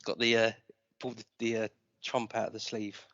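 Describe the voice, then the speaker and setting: A man's voice: on the low side, little pitch movement, fairly quick, a bit bright. A man co-hosting a podcast, arguing his point stubbornly and playfully. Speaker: podcast co-host. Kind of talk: casual chat. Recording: dry, dull lo-fi audio.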